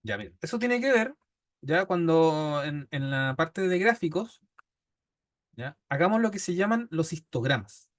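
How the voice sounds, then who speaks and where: With a fairly high pitch and big swings in intonation, this unhurried Chilean man teaches a statistics class. He explains things step by step, patiently checking in with "¿ya?" all the time. The studio recording has no echo.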